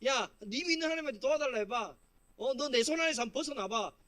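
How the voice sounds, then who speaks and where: A pastor putting on a sneering bully. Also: male voice, very high-pitched, lively intonation, fast talker, fairly bright tone. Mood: mocking. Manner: mocking, scornful, swaggering. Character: arrogant, sneering wicked man taunting a victim.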